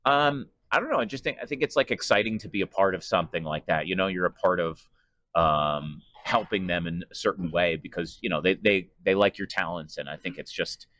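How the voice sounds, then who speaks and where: A low-voiced man speaks briskly with a slightly bright tone, and there's no room sound. He's a sports PA announcer and voice actor giving an interview, his answers casual, hesitant and wandering.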